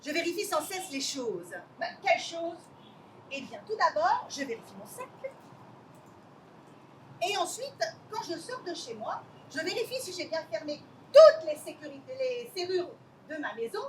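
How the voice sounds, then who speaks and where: Woman playing a devout anxious checker, prim, sighing, very high voice, far from the mic. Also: sing-song, normal speed, a little hiss or hum. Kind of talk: amateur stage play. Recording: stage voice from a distant mic.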